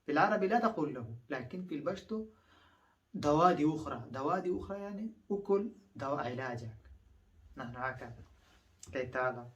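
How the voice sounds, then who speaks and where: A man's voice: a little high, expressive, fairly bright tone. Man teaching phrases from a distance. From Afghanistan. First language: Pashto. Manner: repeats each phrase slowly, explains with frequent hesitant fillers. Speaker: language teacher. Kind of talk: phrase-by-phrase language lesson.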